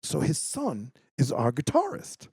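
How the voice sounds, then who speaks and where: A man hosting a podcast, telling loud stories full of swearing in casual chat, recorded in a studio. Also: on the high side, huge pitch swings, unhurried, slightly rough, no echo. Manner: loud, profane storyteller. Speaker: podcast host.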